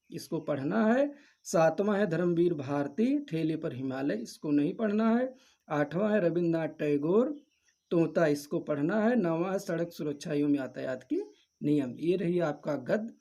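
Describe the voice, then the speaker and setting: A man's voice: high-pitched, creaky, mellow. A male teacher going through a syllabus for his students, listing each chapter one by one in a methodical, repetitive and instructive way. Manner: addresses students directly and instructively. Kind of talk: syllabus walkthrough lesson.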